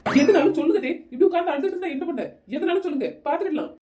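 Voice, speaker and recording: Casting: woman playing sarcastic young daughter-in-law, rattles lines off very fast, high voice. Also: mellow, slight background noise. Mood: snappy. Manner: snappy, sarcastic. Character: sharp-tongued young daughter-in-law, cheeky. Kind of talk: comedy skit.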